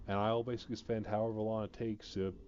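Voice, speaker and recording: A man's voice: on the low side, little pitch movement, fast talker, darkish tone, highs cut off, a little hiss or hum. A man chatting casually on a gaming stream, rambling and hesitant, full of fillers, sounding a bit sleepy. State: sleepy, yawning.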